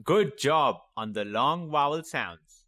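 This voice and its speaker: A man teaching a children's phonics lesson, sounding out letters and words slowly and clearly and encouraging young learners. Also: fairly high pitch, lively intonation, very noisy. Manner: slow, clearly sounding out each letter and word.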